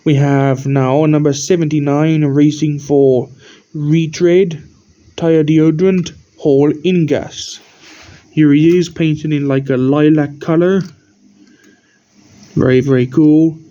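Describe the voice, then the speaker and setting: A tired man who keeps yawning gives a rambling, halting show-and-tell of his toy collection as the channel host, pointing out details one by one. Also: on the high side, fairly even intonation, mellow. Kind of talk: casual show-and-tell narration. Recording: dull lo-fi recording.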